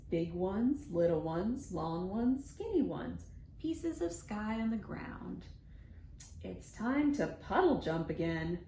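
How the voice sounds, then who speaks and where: A children's librarian hosting storytime reads a picture book aloud to young children, unhurried and sing-song, playing with sound words and rhymes. Her mid-range voice is creaky and darkish. The room is echoey, with faint background noise.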